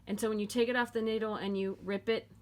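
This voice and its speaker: A woman's voice: medium pitch, steady tone, quick pace. A woman talks through a knitting tutorial from her home, with an easygoing, chatty delivery. She jokes along the way and repeats key points as she works. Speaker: knitting teacher.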